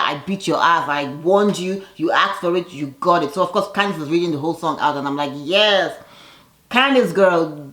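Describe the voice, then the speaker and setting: A woman's voice: lowish voice, fairly bright tone. A woman hosting a reality TV recap in a casual, chatty way, with a sassy, gossipy manner and slangy asides. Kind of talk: casual chatty commentary, acting out quotes.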